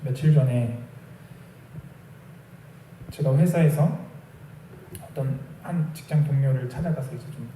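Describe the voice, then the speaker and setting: A man's voice: mid-range voice, measured pace, long pauses, mellow, reverberant, distant mic, slight background noise. A young adult man preaching a sermon as a pastor, telling a personal story in a conversational way and acting out bits of dialogue. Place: small church sanctuary.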